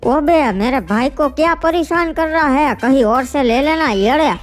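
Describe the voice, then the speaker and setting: A woman voicing a brash, bossy young man who bullies others on behalf of his little brother, in rough street talk. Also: high voice, expressive, unhurried, faint music behind.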